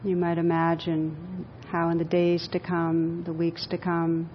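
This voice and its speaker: Slow, gentle woman guiding meditation, muffled recording. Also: fairly low pitch, monotone. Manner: gentle, unhurried, pausing and repeating phrases. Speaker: meditation teacher leading a group. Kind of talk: guided meditation, then informal group discussion. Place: room with a group audience. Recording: dull lo-fi live recording, faint noise.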